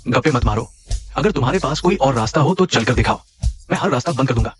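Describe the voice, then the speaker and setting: A man's voice: medium pitch, animated, quick pace, natural voice. A man voicing a swaggering, boastful village bully who taunts his rival in a dubbed drama. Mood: gloating.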